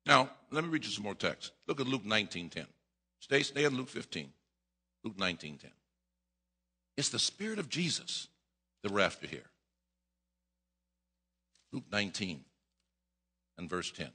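A middle-aged man preaching a sermon at a lectern, acting out voices, repeating himself and rising to shouts. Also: lowish voice, big pitch swings, normal speed, pauses often, breathy edge. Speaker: pastor. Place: church sanctuary at a lectern. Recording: long reverb of a church hall.

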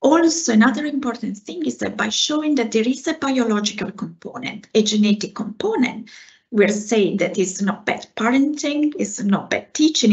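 Slightly high with vocal fry, this woman's voice belongs to an Italian researcher in her forties, a guest speaker fielding questions after her talk over a video call. She answers earnestly in an Italian accent, gesturing with her hands, from a room in her home, with somewhat dull audio.

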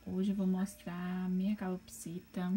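Speaking at a moderate pace in a mellow, monotone way, this Brazilian Portuguese-accented woman narrates her home video casually. She points things out and switches to high-pitched baby talk for her pet bird.

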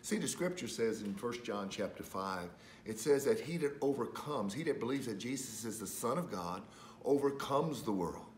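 A man delivering a sermon as the host of his own ministry. He teaches in a steady way and then builds to loud, high-pitched fervor. A faint hiss sits under his voice. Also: normal speed. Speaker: preacher.

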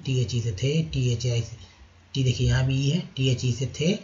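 A male teacher slowly reciting syllables one by one in a slide lesson, with a Hindi accent. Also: medium pitch, fairly even intonation, a little mellow, slight background noise. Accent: Indian Hindi. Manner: slow, drawn-out syllable-by-syllable recitation. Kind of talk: slide-based spelling lesson. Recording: slightly muffled lo-fi recording.

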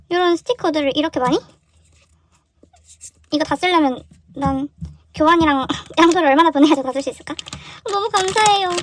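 High-voiced excitable young woman vlogger. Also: a little hiss or hum. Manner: excitable, gasping and exclaiming in surprise. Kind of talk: casual unboxing chat.

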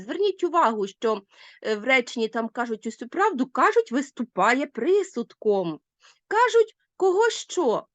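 A woman teacher giving a recorded video lesson to schoolchildren, with emphatic, lively teacherly intonation as she addresses her pupils. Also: a little high, no echo, muffled recording.

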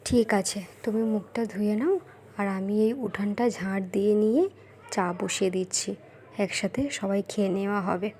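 A woman's voice: medium pitch, fairly even intonation, moderate pace, darkish tone. A woman voicing a busy young housewife in a doll-play drama, nagging and scolding the household.

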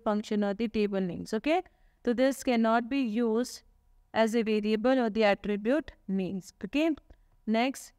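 A woman's voice: fairly high pitch, a little mellow, clear, resonant tone, no echo, clean studio sound. A woman teacher narrates a slide lesson, explaining patiently, asking herself questions and often adding "okay?". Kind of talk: slide lecture. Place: voice-over on slides.

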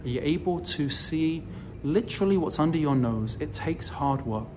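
A man in his forties giving a recorded sermon as a rabbi, telling the story slowly with emphatic rises, filmed close up on a phone indoors. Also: fairly high pitch, expressive, darkish tone, slight background noise. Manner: slow, deliberate storytelling delivery with emphatic rises. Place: indoors in front of a decorative wall. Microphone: phone or camera close to the face, selfie framing.

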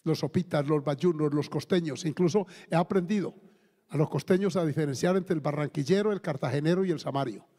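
A man's voice: on the high side, fairly quick, warm tone, in a large hall. A man with a Colombian accent, a pastor preaching a sermon and stopping often for praise and questions to the congregation. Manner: preaching with call-and-response interjections.

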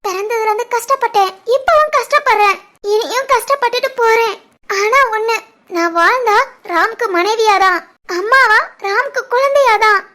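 A lovesick young woman in a cartoon family story, voiced by a woman, her voice sitting extremely high and thin. She speaks with a Kanyakumari-Tirunelveli Tamil accent, pleading and plaintive, stubborn through her tears. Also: moderate pace, sharp tone. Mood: despairing. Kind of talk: animated family story voice acting.

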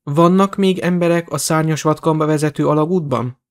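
A man's voice: on the high side, steady tone, natural voice. A man doing an urgent young hero. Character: young teenage boy hero, urgent and earnest.

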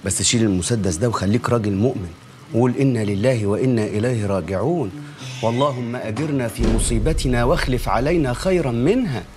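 A man playing a smooth Egyptian con man. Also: mid-range voice, fast, noisy background, close to an everyday voice. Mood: coaxing. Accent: Egyptian Arabic. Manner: soothing, persuasive. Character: smooth-talking Egyptian swindler calming a victim. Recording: film score underneath.

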